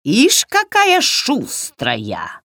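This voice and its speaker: A woman voicing a mocking, cunning old witch in a storybook reading, with a shrill, jeering manner. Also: wildly swooping pitch, extremely slow, bright, forceful tone, no room sound, studio quality, exaggerated voice.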